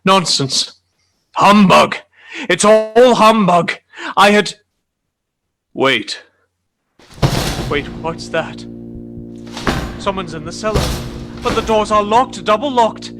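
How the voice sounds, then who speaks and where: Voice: medium pitch, animated, slow, long pauses, a bit bright. An actor playing Ebenezer Scrooge, a miserly old man, frightened yet defiant, in a theatrical radio play style. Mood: defiant, fearful. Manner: exclamatory, theatrical, stammering in fright. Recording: music under the voice.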